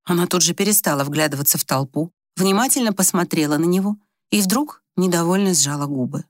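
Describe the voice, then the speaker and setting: Narrating an audiobook, a woman uses a fairly low pitch and a measured, expressive storytelling style. It's studio quality, free of echo.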